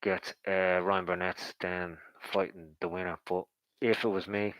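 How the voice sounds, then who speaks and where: A man with a low, smooth voice talks through boxing in a casual commentary style. His delivery stays fairly flat and conversational as he thinks aloud and speculates in a rambling way. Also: a little slow, no echo, rough recording.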